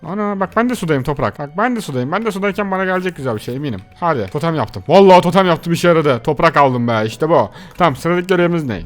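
A young man hosting a let's play video, excitably chattering to his viewers while he plays. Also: on the high side, very fast, hardly any pauses. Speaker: gaming channel host.

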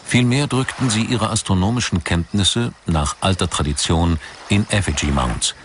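A male documentary narrator reads from a script in a low voice. His delivery is measured and articulate, and clearly audible ambient noise sits behind him.

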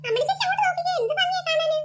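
A woman voicing excitable young children in a cartoon, with squeaky, breathless exclamations. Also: racing. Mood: excited. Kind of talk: cartoon voice acting. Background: music.

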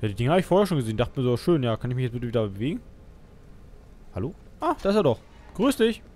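A man's voice: mid-range voice, big pitch swings, fast talker, a little mellow. A man doing casual commentary on a let's play stream, grumbling and mocking, swearing at his companion.

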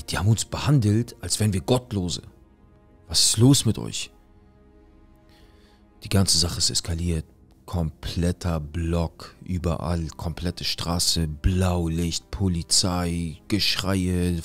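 A man's voice: low voice, slow, faint music behind. A young man telling a personal story in casual street slang, acting out quoted dialogue. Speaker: guest telling his life story.

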